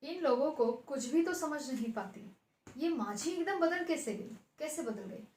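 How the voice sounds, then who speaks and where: A young, educated daughter-in-law who is puzzled and quick to bristle, pressing her point insistently, as read aloud by a woman teacher. The voice is high and lifts on her lines. The reading comes through a room with a noticeable echo. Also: lively intonation, darkish tone. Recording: roomy echo.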